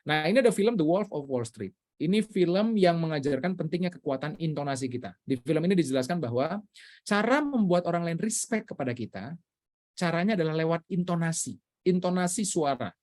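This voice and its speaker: Indonesian guy coaching a zoom class, kinda high voice, lots of energy, mixes in english words. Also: brisk. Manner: energetic, swings pitch for emphasis, mixes in English phrases. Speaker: public speaking coach. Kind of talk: online workshop lecture. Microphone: video call.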